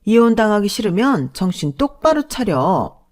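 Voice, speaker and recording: A woman's voice: medium pitch, big pitch swings, moderate pace, a little mellow, voice pushed up, natural voice. A woman voicing a domineering older mother-in-law who scolds with contempt. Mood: scornful.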